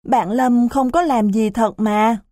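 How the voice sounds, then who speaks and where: A woman's voice: fairly high pitch, steady tone, takes it slowly, dark tone, no room sound, studio quality, pitched above the performer's own voice. A woman voicing a nervous, flustered schoolgirl who answers hesitantly.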